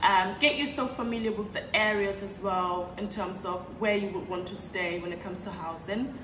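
A young woman from Ghana talks through a casual advice vlog, chatty and loose, with many "um" fillers. She sits back from the camera's mic, so her voice sounds distant in a roomy, echoing space. A steady hiss runs behind her. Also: medium pitch, moderate pace. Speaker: vlogger. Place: bright living room, on a sofa by a large window. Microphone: fixed camera at a distance.

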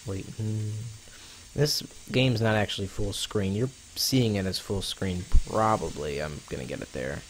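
A man's voice: on the low side, measured pace, a little hiss or hum, poor audio. A man giving casual, chatty commentary over a browser cooking game, talking to himself as he plays and swearing now and then, a little out of breath. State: slightly out of breath. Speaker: gaming YouTuber. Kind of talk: casual let's-play commentary.

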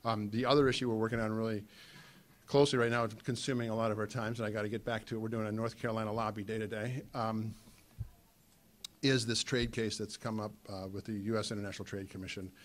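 A man's voice: lowish voice, flat delivery. Middle-aged man speaking at a podium. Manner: halting, many fillers and restarts. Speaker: trade association panelist. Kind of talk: conference panel talk. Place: meeting room, indoors. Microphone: podium mic.

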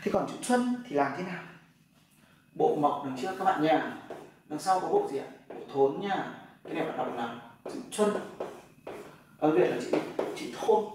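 A man teaching in a classroom. He explains step by step and keeps asking whether the class follows. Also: high voice. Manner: explains step by step, often asks "right?" to check. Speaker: Chinese language teacher. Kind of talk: classroom lesson. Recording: echoey room from far off, faint noise.

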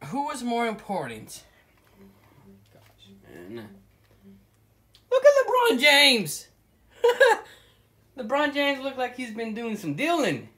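A man's voice: very high-pitched, huge pitch swings, takes it slowly, pauses often, sharp tone. A man from Oklahoma City ranting straight to his viewers in a heated, profane video commentary. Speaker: sports fan vlogger.

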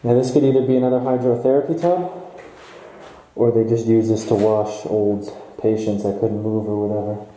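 Young male explorer, dark mellow tone, awed speculative walkthrough, echoey empty building. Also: on the low side, steady tone, normal speed, slight background noise. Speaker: urban explorer. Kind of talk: casual guided walkthrough. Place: large abandoned hospital, indoors. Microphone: camera-mounted mic, wearing a respirator mask.

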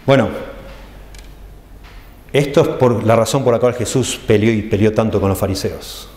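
A man's voice: on the low side, moderate pace, a little mellow. A man preaching in a church, explaining texts carefully and stressing key phrases, with a Rioplatense Spanish accent. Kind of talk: church teaching sermon. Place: church hall. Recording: echoey church hall, long reverb.

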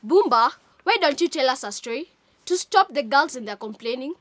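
A boastful schoolboy in a children's cartoon, full of teasing, voiced by a woman. The voice is high and bouncy, and it sounds dry and close. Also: lively intonation, fairly quick, a bit bright, no room sound.

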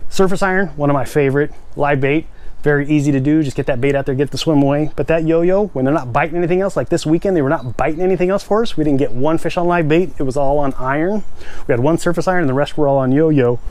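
A man in his forties explains a fishing technique outdoors in his backyard, his voice sitting a touch higher than most men's. He talks plainly and energetically, gesturing with a rod and hammering home the same simple steps. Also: quick pace. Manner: plainspoken, repeats key steps, counts out loud. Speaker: fishing channel host. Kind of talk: casual how-to demonstration.

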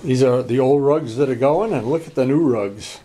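A man's voice: mid-range voice, normal speed, warm tone. A man chatting casually through a motorcycle DIY project in his garage, rambling with jokey asides. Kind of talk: casual workshop vlog.

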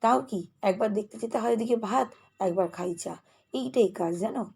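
Her voice sits on the high side, darkish in tone with vocal fry and a breathy edge. This lifestyle vlogger rattles on about chores in her kitchen, fast, chatty, and unable to sit still. The narration is relaxed and informal.

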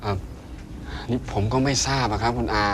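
An actor playing a nervous, polite young suitor who stammers and hesitates in a TV drama. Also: male voice, mid-range voice, steady tone, normal speed, background noise, natural voice. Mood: earnest. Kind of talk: Thai TV soap acting. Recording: music score underneath.

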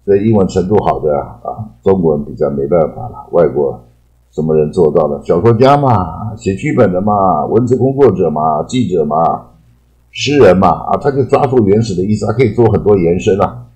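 A man from Taiwan teaching English vocabulary in a rambling lecture, loosely explaining words and padding his sentences with drawn-out particles. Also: sits low, lively intonation, dark tone, low-quality recording.

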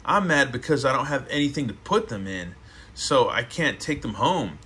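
A man's voice: mid-range voice, animated, normal speed, sharp tone, slight background noise. A man reading as an angry little girl. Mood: fussing. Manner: fussy complaining. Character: angry young girl stuck with jelly beans.

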